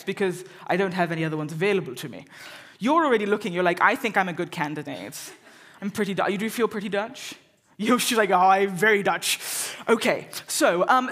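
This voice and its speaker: A woman's voice: on the high side, a bit bright. An English woman hosting a live event, joking and chatting with the audience on stage. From England. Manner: joking, chatty, teasing the crowd. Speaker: event host. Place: lecture hall with live audience.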